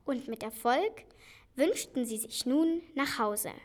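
A woman's voice: high-pitched, expressive, slow pace, a little mellow. Woman narrating a storybook radio play. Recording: hissy amateur recording.

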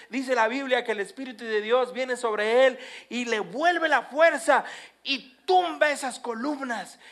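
A preacher retells a Bible story in a storytelling sermon. The delivery is dramatic, swinging between loud, emphatic bursts and quiet, hushed endings. The speaker addresses the listeners directly throughout. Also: medium pitch.

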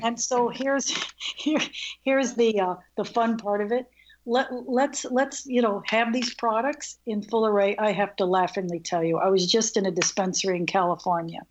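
An older woman talking as an interview guest, a lively storyteller who often breaks into laughter. Her voice sits at an ordinary middle pitch for a woman. She speaks with easy conversational energy. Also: normal speed, muffled recording, slight background noise. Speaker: guest, investor.

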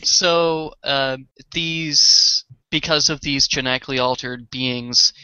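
A man with a Boston accent co-hosting a podcast, explaining things in a slow, halting way with many fillers. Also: mid-range voice, fairly even intonation, bright, forceful tone, clear, resonant tone, dry recording, dull audio. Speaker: podcast co-host. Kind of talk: casual chat.

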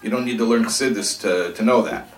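A man's voice: lowish voice, quick pace, soft background music. Man teaching a class in an echoey room. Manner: animated teacher, quotes examples in voices, thinks aloud. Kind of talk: Torah class lecture.

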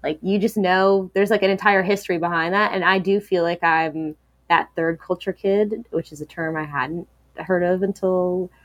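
A woman's voice: on the low side, fairly even intonation, normal speed, no room sound, dull audio. A woman speaking as an interview guest, talking candidly and reflectively, with many fillers and restarts.

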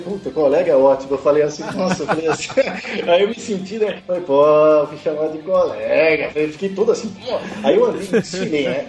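Chatty man, mellow echoey voice. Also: a little high. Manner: chatty, animated anecdotes, frequent tag questions and laughs. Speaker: podcast guest, private pilot. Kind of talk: casual storytelling chat. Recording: echoey room, faint background music.

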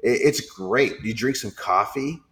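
A man in his twenties co-hosting a podcast, chatting casually about sports with relaxed, halting restarts. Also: medium pitch, slight background noise. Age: 20s. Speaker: podcast co-host.

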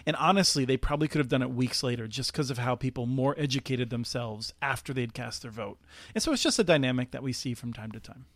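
Brief: eager mid-pitched man, podcast policy talk, dead-dry booth sound. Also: fast talker, no echo. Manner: enthusiastic, many restarts and laughs. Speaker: policy researcher guest. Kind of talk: casual podcast discussion.

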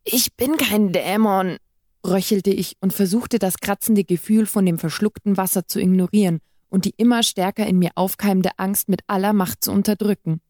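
A woman reading a short story aloud in scripted narration, with a measured, even delivery. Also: medium pitch, no room sound, clean studio sound. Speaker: reader.

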